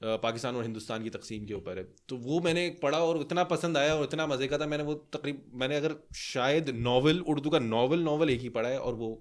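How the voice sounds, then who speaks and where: A man's voice: mid-range voice, hardly any pauses. A young man from Pakistan on a podcast, chatting casually and rambling through a story with many fillers. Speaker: podcast co-host.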